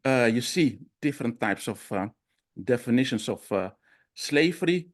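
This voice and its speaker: A man speaking in an online seminar discussion, halting with many fillers and restarts, heard over a video call. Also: mid-range voice, expressive. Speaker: discussion participant.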